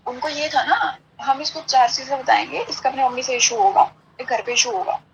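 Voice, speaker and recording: A woman with a somewhat high voice tells a family story on a podcast in relaxed, chatty fashion. She acts out the lines of the people in her story, keeps asking her listener "right?", and slips English phrases into her talk. A faint hum of background noise sits under her voice. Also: brisk, gravelly, dull audio. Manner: mixes English phrases into Hindi. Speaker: podcast guest. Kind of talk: casual storytelling chat.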